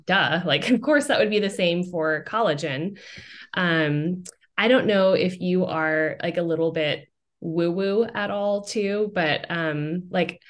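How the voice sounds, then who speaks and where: A woman's voice: lowish voice, slow pace. A woman hosting a podcast, chatting casually with lots of "like" fillers. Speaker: podcast host. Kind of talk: casual chat.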